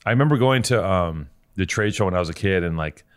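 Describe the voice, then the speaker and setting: A man's voice: low-pitched, lively intonation, fast talker, clear, resonant tone. A man in his forties hosting a podcast, telling loose stories in casual chat, full of fillers and swearing. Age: older than the others, 40s. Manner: loose storytelling, heavy "like" and swearing. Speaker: podcast host.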